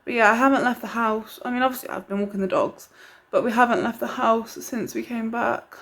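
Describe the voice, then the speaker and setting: A young woman from the UK, a beauty vlogger chatting casually to camera, rambling and excitable. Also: a little high, brisk.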